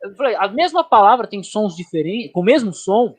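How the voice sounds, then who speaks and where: High-voiced joking man host. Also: a little fast. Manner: joking storyteller, lively slangy delivery. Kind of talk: casual podcast chat.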